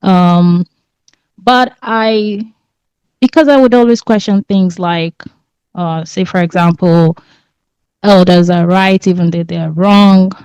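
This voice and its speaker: A woman born in England and raised in Nigeria, a podcast guest talking in a relaxed, thoughtful way and laughing easily. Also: lowish voice, slow, long pauses, clean tone, dry recording, muffled recording. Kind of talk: casual interview.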